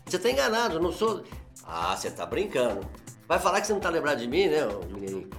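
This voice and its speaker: A man's voice: on the high side, huge pitch swings, gravelly, soft background music, pitched above the performer's own voice, exaggerated voice. A man doing a pushy, overly friendly small-town Minas Gerais guy. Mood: insistent. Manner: loud, insistent, drawn-out calls.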